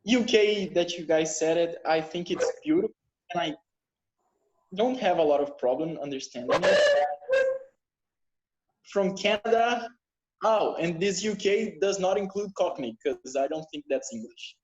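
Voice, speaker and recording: A participant speaks hesitantly in a casual online chat and pauses to search for words. The call audio sounds roomy and dull. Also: mid-range voice, expressive, noisy background. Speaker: meeting participant. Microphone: video call.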